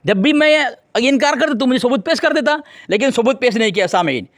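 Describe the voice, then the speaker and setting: A man's voice: very high-pitched, expressive, fairly quick. A man in a heated religious debate, combative and taunting as he insults his opponent over a call.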